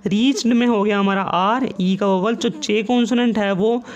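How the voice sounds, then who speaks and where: A young man teaches shorthand in a casual online lesson, his voice sitting high. He explains each step slowly and repeats points, reading rules aloud haltingly. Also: fairly even intonation, dull audio.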